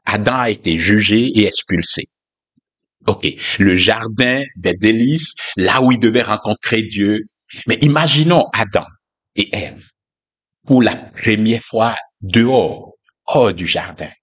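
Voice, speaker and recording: Slow, musing French-speaking preacher man. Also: lowish voice, lively intonation, fairly bright tone. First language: not English. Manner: musing, conversational, many fillers and asides. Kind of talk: informal sermon.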